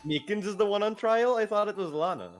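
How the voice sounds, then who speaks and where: An excitable, giggly streamer chatting casually and joking while reading a game aloud. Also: medium pitch, brisk, over music.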